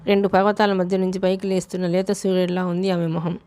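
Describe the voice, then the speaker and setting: A woman narrating a novel as an audiobook in a steady, unhurried reading style. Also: on the low side, clean tone, no echo.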